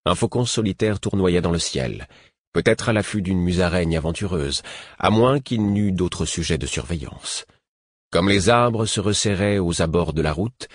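A man reads a fantasy audiobook in the first person with a steady storytelling delivery. His voice is very low and husky. The sound is dry and close, with no room around it. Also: dry recording. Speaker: narrator. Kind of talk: audiobook narration.

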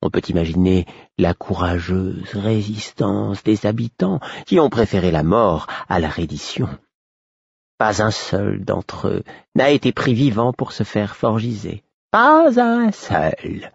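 A man's voice: lowish voice, sing-song, slow pace, creaky, husky, no room sound, heavily acted. A man voicing a bitter, half-hysterical male court jester who speaks hesitantly with bitter irony. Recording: dull lo-fi recording.

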